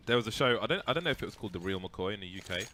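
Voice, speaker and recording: A man's voice: fairly low pitch, lively intonation, racing, pushed and bright, slight background noise. A man commentating a live esports match, joking and teasing his co-casters. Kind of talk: casual live commentary banter.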